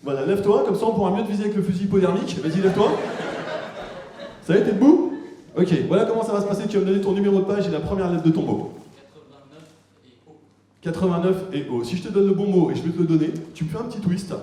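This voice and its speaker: A man performing a comedy mentalist act on stage, teasing the audience with quick jokes into a handheld microphone. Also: sits high, warm tone. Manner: teasing, joking, quick-witted crowd work. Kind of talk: live stage banter with the audience. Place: stage in a hall before a live audience. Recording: very echoey hall, live from the stage.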